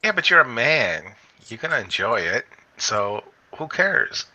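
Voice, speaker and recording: Sharp, bright-voiced man, lo-fi sound. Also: medium pitch, very animated, a little slow. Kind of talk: casual chat. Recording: dull, lo-fi microphone sound.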